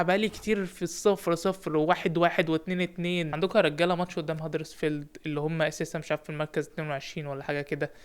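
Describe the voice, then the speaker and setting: Rapid-fire Egyptian gamer, excited commentary. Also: male voice, sits high, clean tone. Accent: Egyptian Arabic. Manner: rapid, animated, shouting encouragement at players. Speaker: gaming YouTuber.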